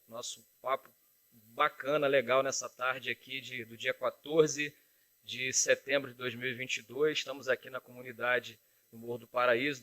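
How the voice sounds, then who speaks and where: A man's voice: medium pitch, sharp tone, dry recording. A man hosts an interview podcast, making polite, formal introductions. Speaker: podcast host.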